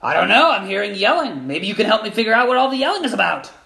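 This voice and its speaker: A man's voice: sits high, sing-song, fast, creaky, sharp tone, full character voice. A man playing a brusque, commanding middle-aged ship captain in a tabletop game.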